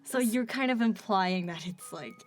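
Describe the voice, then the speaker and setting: A woman's voice: mid-range voice, animated, normal speed, soft background music. A woman co-hosting an episode review in casual chat, rambling with lots of fillers and restarts.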